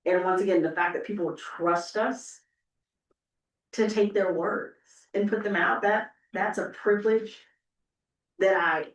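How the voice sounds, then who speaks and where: An oral historian on a panel, this woman speaks in a mid-range, steady voice at a measured pace. She's conversational and emphatic, often checking in with "right?". The indoor event room is echoey and the microphone distant.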